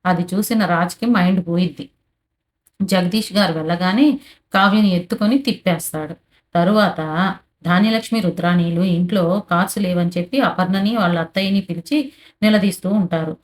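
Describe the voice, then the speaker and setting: A woman hosting a channel, narrating a recap of a TV serial episode in a plain, steady storytelling way with habitual filler phrases. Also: lowish voice, normal speed.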